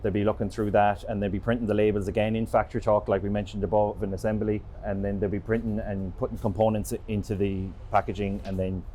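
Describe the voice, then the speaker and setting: A man's voice: lowish voice, little pitch movement, fast, few pauses, mellow, a little hiss or hum. A man giving an explanatory walkthrough as a member of facility staff. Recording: background music under voice.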